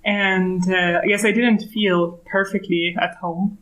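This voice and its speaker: A woman's voice: mid-range voice, steady tone, measured pace, a bit bright, low-quality recording. A middle-aged woman from Sweden, a researcher being interviewed, answering thoughtfully with many fillers and restarts. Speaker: astronomy researcher, guest. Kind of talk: conversational interview.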